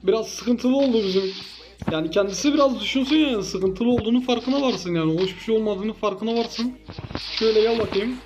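A man giving excitable gameplay commentary as a gaming YouTuber, teasing his opponent with playful trash talk. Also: sits high, a little fast, over music, rough recording.

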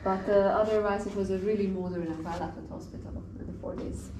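A woman's voice: mid-range voice, steady tone, fast. Distant woman tour guide in echoing underground bunker. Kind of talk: guided tour talk with explanations. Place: tiled rooms of an underground bunker museum. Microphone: visitor's handheld camera, some distance away. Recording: roomy, distant, noisy underground bunker recording.

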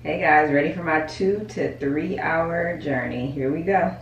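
A woman's voice: sits low, a little slow, creaky, slight background noise. A middle-aged woman speaking dryly and matter-of-factly. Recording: distant, muffled, roomy phone recording.

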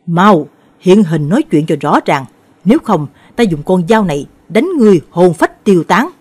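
A woman voicing a stern older male exorcist who loudly commands a spirit. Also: on the low side, sing-song, fairly quick, slightly rough, no echo. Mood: commanding.

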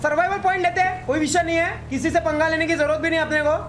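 Brief: high-voiced man, live game streamer, excitable and joking, headset mic over a noisy background with keyboard clicks. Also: fast. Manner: loud, joking, excitable, shouting orders. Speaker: gaming streamer. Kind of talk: live gameplay commentary with teammates.

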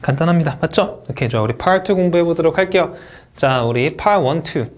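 A man teaching an exam-prep lecture, explaining pronunciation rules in a brisk teacherly way and saying English example words aloud with a Korean accent. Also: a little high, animated. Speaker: test-prep instructor.

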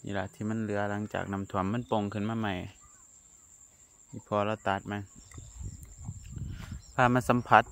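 Young isan guy chatting away to his viewers out in the fields, low voice, wind blasting the mic, bugs chirping. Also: little pitch movement, moderate pace, long pauses, fairly bright tone. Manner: chatty, addresses viewers as brothers and sisters. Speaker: vlogger. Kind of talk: casual walking vlog. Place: outdoors in windy rice fields. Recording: wind noise on outdoor mic. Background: wind, crickets and insects.

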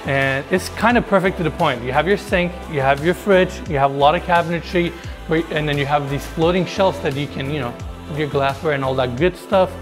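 A man's voice: fairly high pitch, brisk, music in the background. A man in his thirties hosting a casual home tour, enthusiastic and chatty as he talks straight to viewers, on a lapel mic indoors. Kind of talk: casual walkthrough narration. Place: large indoor house basement.

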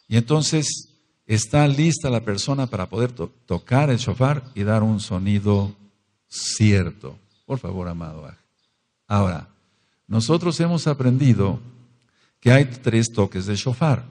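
A pastor with a Mexican Spanish accent preaches a sermon in a low, darkish voice. He is emphatic, repeating phrases and asking the congregation questions, and a long hall reverb follows his words.

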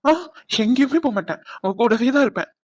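A woman's voice: on the high side, lively intonation, a little mellow, dry recording, studio quality. A woman voicing a young father in a cartoon, soothing his son and teasing his mother. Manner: quick, soothing, playful. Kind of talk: cartoon voice acting.

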